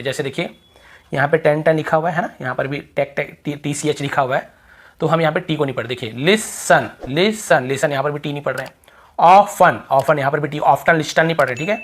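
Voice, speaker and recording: Man drilling words in a slow lesson. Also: a little high, fairly bright tone. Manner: repeats example words slowly, drawn out, several times; asks the viewer quick check questions. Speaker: English teacher. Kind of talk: spoken language lesson.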